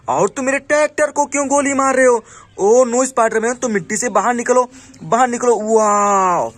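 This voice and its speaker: A man narrating toy play with exclamations, repeated praise and commands to the toys. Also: very high voice.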